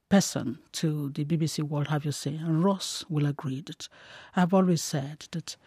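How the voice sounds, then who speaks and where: A Nigerian woman, a human rights defender, speaking earnestly and in pain, in measured phrases. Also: sits low, mellow, slightly rough, dry recording, clean studio sound. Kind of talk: emotional radio call-in comment.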